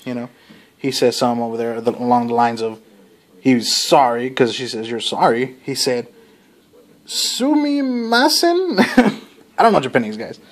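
Man, casual comic review, rambling, swears a lot, middle-pitched voice. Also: brisk. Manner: rambling, laughing, profane, with sudden jumps in pitch.

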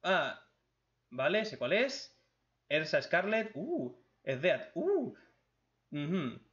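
Reading viewer questions aloud, a man fires back crude, blunt jokes in a relaxed chat. He sounds very animated yet speaks slowly, with a slightly high voice and a fairly bright tone. The audio is lo-fi and dull.

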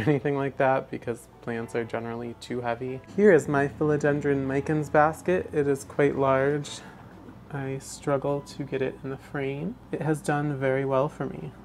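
Speaking in a gravelly mid-range voice, a twenty-something man shows off his houseplants in a relaxed home tour, tossing in wry, theatrical asides. The vlogger is indoors near an open window, and the noise of trucks going by runs underneath his talk.

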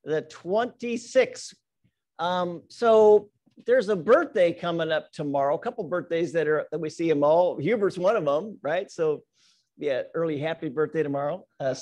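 A man's voice: on the high side, moderate pace, darkish tone. A man leading an office team meeting, reading announcements and birthdays in an upbeat, teasing way with many "right?" asides. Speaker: meeting leader.

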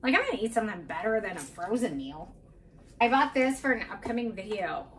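A woman's voice: mid-range voice, very animated, fairly quick, distant mic, slight background noise. Chatty woman vlogging from her kitchen. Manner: chatty, candid, self-deprecating asides. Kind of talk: casual grocery haul chat. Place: home kitchen, indoors. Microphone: camera mic at a few feet.

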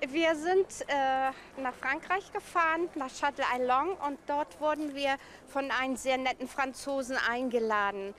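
An older woman recounting a long meal, halting and searching for words. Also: high voice, a bit bright, a little hiss or hum. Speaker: passerby recounting a dinner.

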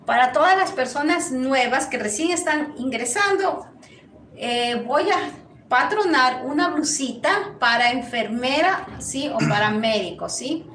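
A woman's voice: sits high, expressive, measured pace. A woman from Ecuador with an Ecuadorian Spanish accent, teaching a live sewing lesson in a small workshop and often checking in with "¿sí?" between blessings. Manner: warm blessings and greetings, frequent "¿sí?" check-ins. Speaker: sewing instructor. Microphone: lapel mic on a camera set back. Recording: echoey room, distant mic, noisy.

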